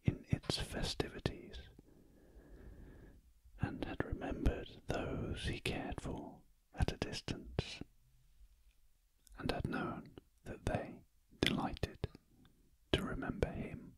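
A man with a British accent reads a classic story aloud as ASMR in a very gentle, breathy, unvoiced whisper, close to the listener's ears. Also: low-quality recording. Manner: very gentle, hushed, deliberate. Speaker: audiobook narrator. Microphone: close ear-to-ear stereo microphone.

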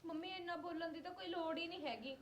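Patient Punjabi bride, high soft voice, faint noise in the background, played by a woman. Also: fast talker. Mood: pleading. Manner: pleading, reasonable. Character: patient young wife married without dowry. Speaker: daughter-in-law. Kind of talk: acted family drama.

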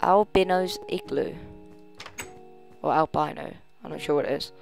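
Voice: mid-range voice, moderate pace, vocal fry, faint music behind. A gamer giving casual commentary while playing, rambling and thinking aloud, often trailing off mid-sentence. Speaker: let's play gamer.

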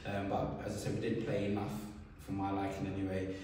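A man, a football manager giving a relaxed post-match interview full of fillers. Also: low voice, fast, a little hiss or hum. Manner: relaxed, many fillers and "sort of". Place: bare indoor room by a wall, seated. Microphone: camera a few feet away. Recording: echoey room from far off.

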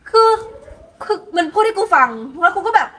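A woman's voice: very high voice, normal speed, sharp tone. A woman playing a brash, quarrelsome teenage schoolgirl using coarse slang, in an amateur student drama. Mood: argumentative.

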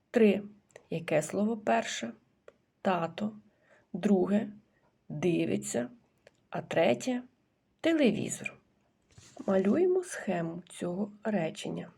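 A woman kindergarten teacher giving a recorded literacy lesson to preschoolers, slow and patient, pausing for the children's answers and often dropping into a breathy half-whisper. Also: mid-range voice, expressive, mellow.

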